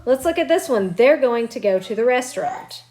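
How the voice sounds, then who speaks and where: A woman's voice: a little high, animated, normal speed, a little mellow. A woman teaching a recorded remote grammar lesson from her home. She explains patiently, step by step, and encourages her students. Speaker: Spanish teacher. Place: at home with children nearby.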